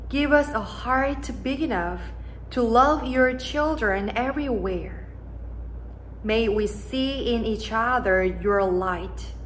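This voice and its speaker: A young native Korean speaker, an associate pastor, leads prayer from the pulpit of a church sanctuary, speaking slowly, solemnly and in a measured way. Her voice is on the high side and fairly bright, with slight background noise.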